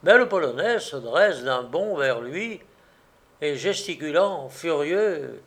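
A male narrator reads a story aloud, slow and deliberate. His voice sits a little on the high side for a man, with steady, careful phrasing.

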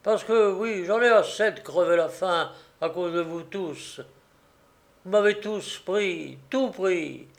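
A man doing a gruff, furious old woodsman. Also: high-pitched, slow pace, exaggerated voice. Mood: bitter. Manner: defiant, shouting threats.

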